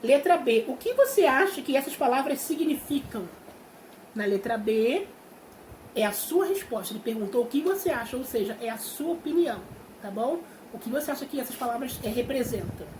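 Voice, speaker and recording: A high-pitched Brazilian woman teaching a young class, patient and clear, stretching out words syllable by syllable. Her voice rings in an echoey room. A faint hiss sits under the recording. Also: lively intonation, moderate pace, darkish tone. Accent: Brazilian Portuguese. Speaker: primary school teacher. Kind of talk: remote class explanation.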